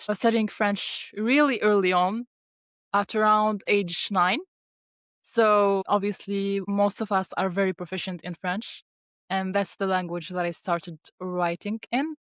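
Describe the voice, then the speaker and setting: On this clean, echo-free studio recording, a young Tunisian interview guest, a dental student and ghostwriter with Arabic as her first language, speaks in a low-leaning, fairly bright voice. The talk is casual, and she keeps laughing, using fillers, and starting over mid-thought.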